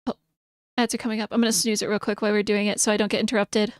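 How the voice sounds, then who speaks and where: A woman's voice: mid-range voice, level tone, very fast, no room sound, studio quality. A woman live streamer chatting casually and thinking aloud as she reads through notes, sometimes mumbling. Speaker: VTuber streamer.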